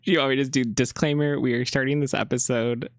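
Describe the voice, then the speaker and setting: A podcast co-host chatting casually, often chiming in with quick agreement. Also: medium pitch, steady tone, dry recording, studio quality. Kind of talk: casual chat.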